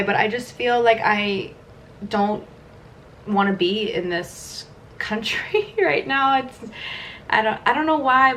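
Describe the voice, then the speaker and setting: A vlogger in her twenties chats casually at home while doing her makeup, filling her speech with "like." Her voice is medium in pitch with a fairly bright tone, and there is slight background noise.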